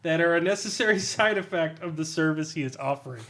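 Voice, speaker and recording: Reviewing a tabletop game for his podcast, a man reads out text and comments on it in an amused, sardonic way, frequently laughing mid-sentence. He speaks quickly, and his voice sits fairly high with a slightly bright edge.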